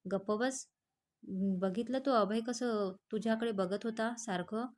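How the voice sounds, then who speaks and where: A woman reads the lines of a young male psychiatrist in a story. He is calm but curt, scolding when annoyed. The voice sits a little high. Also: unhurried, lightly acted. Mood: irritated. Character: young man, calm psychiatrist, gruff and protective.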